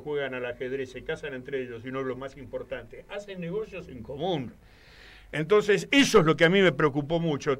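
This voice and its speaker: A man with an Argentine Spanish accent, a guest on a radio talk show, rambling through animated anecdotes. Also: a little high. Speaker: guest commentator. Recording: studio radio microphone.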